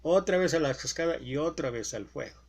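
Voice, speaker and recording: A male preacher giving a sermon with deliberate emphasis and rhetorical questions. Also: a little high, expressive.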